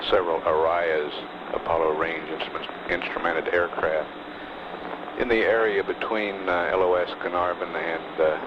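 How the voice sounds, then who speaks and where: A man with a very deep voice talks over a radio link, giving live mission commentary in a measured, halting way with small fillers. The sound is dull and lo-fi, like an old archive radio recording. A steady hiss runs beneath him.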